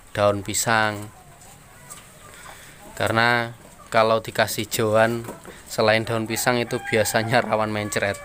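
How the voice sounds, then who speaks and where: A rabbit farmer, explaining feed tips to viewers in a relaxed, friendly vlog. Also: male voice, on the low side, slight background noise. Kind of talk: casual how-to vlog. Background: birds and chickens.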